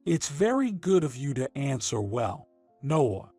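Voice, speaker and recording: A man playing a calm, earnest middle-aged father, speaking slowly. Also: mid-range voice, soft background music.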